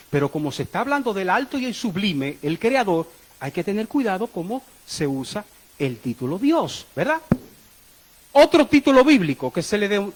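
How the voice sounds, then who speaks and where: A male preacher giving a sermon, questioning the congregation and swinging between loud exclamations and low murmurs. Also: rough recording.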